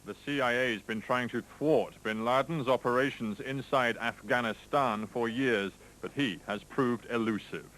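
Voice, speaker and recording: A man files a scripted news report in a measured, grave tone, his voice sitting in a middle register. The sound comes from a worn tape copy of the broadcast, with a faint hiss running underneath. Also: mid-range voice, a bit bright, low-quality recording. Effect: worn VHS tape copy. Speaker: news correspondent.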